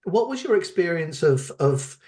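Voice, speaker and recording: A man's voice: on the high side, sing-song, normal speed, darkish tone. Rambling male podcast host. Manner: rambling questions with many repeated words. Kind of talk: podcast interview.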